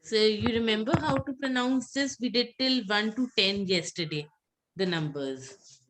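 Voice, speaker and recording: A woman's voice: mid-range voice, a little slow, a little hiss or hum. A woman teaching an online French class over a video call, patiently repeating words for her students.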